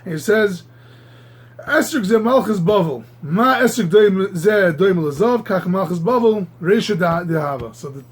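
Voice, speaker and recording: A man teaching a Talmud class, halting and repeating words, marveling aloud at the texts. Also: sits high, slightly rough. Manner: halting, repeats words while reaching for the next; animated, marvels aloud at the text. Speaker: Torah teacher.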